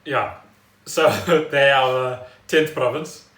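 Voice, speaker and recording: A South African man co-hosts a casual podcast, explaining the news in a wry, chatty way. His voice is medium-pitched and a bit bright, and he speaks slowly, recorded in a roomy, echoey home setting.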